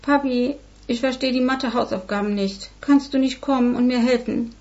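Woman reading as a pleading, sulky teen girl, higher voice, slightly dull recording. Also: fairly even intonation, normal speed, a little mellow, natural voice. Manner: whiny pleading. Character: sulky defiant thirteen-year-old girl.

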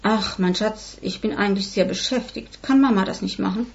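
A woman's voice: medium pitch, moderate pace, creaky, muffled recording, lightly acted. A woman voicing a busy, indulgent father who sighs, in a storybook reading. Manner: sighing, indulgent. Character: busy, mild-mannered father.

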